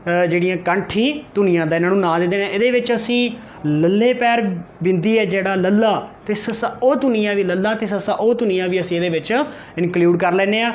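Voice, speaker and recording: A male teacher giving an exam-prep grammar lesson, repeating key terms, slowly sounding out example letters and answering his own questions. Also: high voice, highs cut off, slight background noise.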